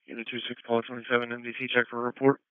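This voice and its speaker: Man dispatching fast over police radio. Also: medium pitch, very noisy. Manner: rapid monotone call-sign readout. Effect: police radio transmission. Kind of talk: clipped radio dispatch calls. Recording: tinny dry radio channel.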